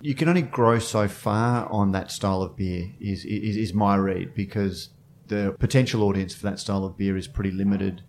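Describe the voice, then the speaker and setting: A man's voice: fairly low pitch, fairly even intonation, moderate pace, slight background noise. A man in his fifties hosting a podcast, asking chatty, wry questions. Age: 50s. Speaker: podcast host. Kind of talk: casual interview chat.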